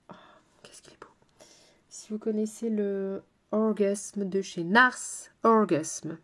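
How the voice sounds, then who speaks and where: A chatty woman makeup artist explains her steps as she works, at a middling pitch. Her tone is casual and direct, and she tosses playful asides to someone off camera. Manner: chatty, addresses viewers directly.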